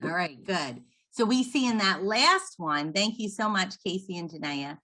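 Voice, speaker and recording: A woman's voice: mid-range voice, animated, a little slow, sharp tone. A woman leading a training session, explaining patiently and encouraging the trainees. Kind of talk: instructional talk to trainees.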